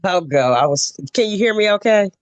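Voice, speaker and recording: A woman's voice: medium pitch, expressive, moderate pace, dry recording, lo-fi sound. Woman telling her story on a call. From Ohio, USA. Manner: talkative, loose storytelling with many fillers. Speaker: webinar participant. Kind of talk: casual conversation. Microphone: video call.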